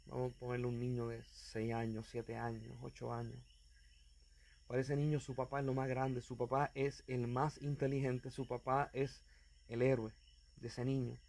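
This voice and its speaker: A man's voice: mid-range voice, flat delivery, moderate pace, creaky, darkish tone. A man preaching as an evangelist, speaking earnestly and directly to the listener, with fervent emphasis. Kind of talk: sermon.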